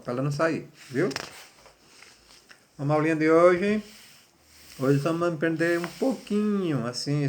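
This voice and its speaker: A man teaching a third-grade language lesson, patiently spelling out syllables and praising pupils. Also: on the high side. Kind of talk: remote classroom lesson.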